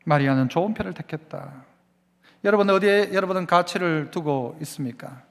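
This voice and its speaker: A man's voice: a little high, a little fast, creaky, big-room sound. A man preaching a Sunday sermon as pastor, asking the congregation questions and having them repeat lines after him.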